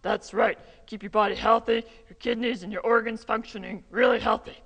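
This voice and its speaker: A woman's voice: a little high, fairly even intonation, a little fast, fairly bright tone, big-room sound, muffled recording. A woman doing a chirpy skeleton puppet. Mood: cheery. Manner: upbeat and encouraging. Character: friendly male skeleton puppet, cheerful helper. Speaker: puppet character in children's yoga class.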